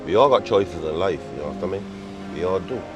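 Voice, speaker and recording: A Barbadian man from Barbados, a construction worker talking casually in an interview, animated and repetitive, outdoors on a city work site. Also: low-pitched, fast, over music, rough recording. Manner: animated, repetitive, laughs while telling stories.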